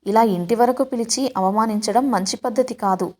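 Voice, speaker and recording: A woman voicing a stern elderly grandmother in a storybook, speaking with measured reproach. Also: on the high side, darkish tone, close to an everyday voice. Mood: reproachful.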